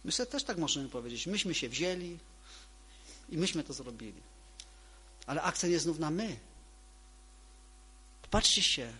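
Husky-voiced man preaching a sermon. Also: fairly high pitch. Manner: emphatic, repeats key phrases, shifts between loud and soft.

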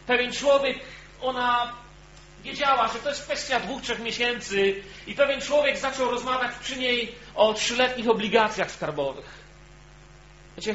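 A man's voice: high-pitched, pushed and bright. A man preaching a sermon to a gathered congregation, speaking earnestly and asking his listeners direct questions. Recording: echoey, dull sound with faint hum.

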